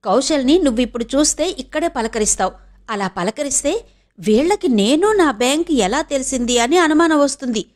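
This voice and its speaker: A woman's voice: high-pitched, expressive, brisk, darkish tone. A woman voicing an anxious young man who pleads cautiously with his mother in an audiobook. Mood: coaxing. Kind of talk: audiobook character reading.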